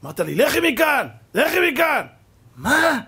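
A man with an Israeli accent voicing an upset young wife in a sermon story, shrill and accusing. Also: huge pitch swings, creaky, bright, forceful tone, breathy edge, exaggerated voice. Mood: indignant. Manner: shrill, indignant.

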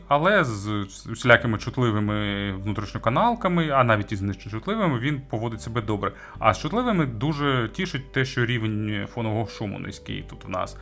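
A man with a mid-range, fairly bright voice hosts a casual product review of audio gear. His commentary is semi-scripted, and he explains things informally in a conversational way.

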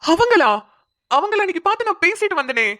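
A poor, humble young man in a homemade cartoon, voiced by a woman. He speaks politely and deferentially, in a voice pitched a little high. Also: a little fast, a bit bright, close to an everyday voice. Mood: surprised.

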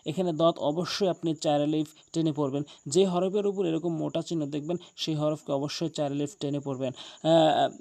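A man teaching correct Quran pronunciation, explaining mistakes and then reciting each word slowly and drawn out. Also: a little high, steady tone, gravelly, a little mellow. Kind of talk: pronunciation lesson with slow chanted examples.

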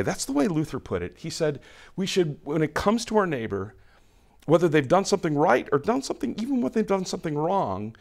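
A man preaching a sermon in a conversational way, often restarting his sentences and acting out little everyday scenes in quick voiced asides. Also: fairly high pitch. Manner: frequent restarts and repeated words. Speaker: pastor.

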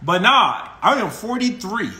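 Man, forties, high bright voice, upbeat live-stream chat. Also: very animated, a little slow, roomy sound. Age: 40s. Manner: upbeat, greets viewers, laughs easily. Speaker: author hosting a live stream. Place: small room with colored lights, indoors. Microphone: phone camera close up.

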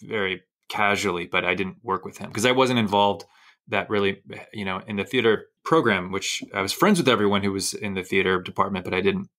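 A man hosting a podcast, telling stories in an animated, rambling way. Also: low-pitched, brisk. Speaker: podcast host. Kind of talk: conversational interview.

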